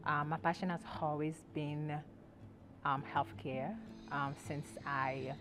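A woman's voice: sits low, steady tone, slow, music in the background. A young woman from Haiti, a graduate student, speaking hesitantly with frequent fillers in an interview.

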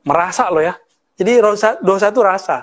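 This Islamic study lecture comes from a man in his thirties from West Sumatra, Indonesia, who talks conversationally, using Arabic terms and slipping in teasing remarks. He speaks fairly quickly in a high-sitting voice.

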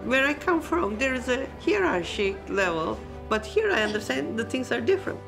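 A woman from Turkey with a Turkish accent, a Turkish native speaker, talking warmly and haltingly in a documentary interview. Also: fairly high pitch, very animated, vocal fry, over music. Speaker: hockey parent.

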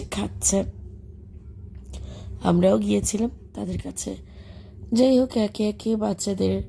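A Bangladeshi schoolteacher-vlogger, hoarse and nearly voiceless from illness, speaks at a medium pitch in a husky, dark, gravelly rasp. In her separately recorded, casual voice-over she rambles chattily with lots of fillers, warm whenever she talks about the children.

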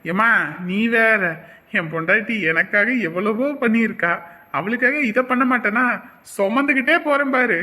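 A woman's voice: fairly high pitch, normal speed, pushed and bright. A woman doing a fussing young village husband. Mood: doting. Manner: exasperated, fussing, pleading. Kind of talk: cartoon voice acting.

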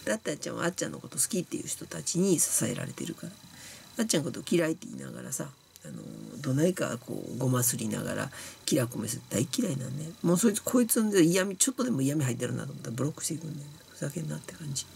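Tipsy Kansai man, blunt and scolding, lively pitch, rambling vlog talk. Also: very fast, gravelly, a little hiss or hum. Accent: Kansai Japanese. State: tipsy and sleepy from drinking. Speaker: YouTuber talking to viewers. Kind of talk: casual monologue to camera.

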